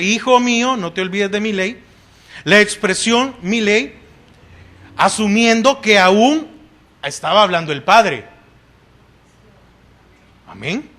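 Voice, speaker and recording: Slow, bright-voiced Salvadoran preacher. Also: male voice, high voice. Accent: Salvadoran Spanish. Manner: asks the congregation questions and answers them, punctuated with "amén". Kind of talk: sermon. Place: church.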